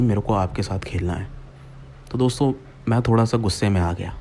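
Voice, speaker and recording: A man's voice: on the low side, darkish tone, a little hiss or hum. A man narrating a first-person horror story to his listeners, speaking to them as friends and acting out his own lines.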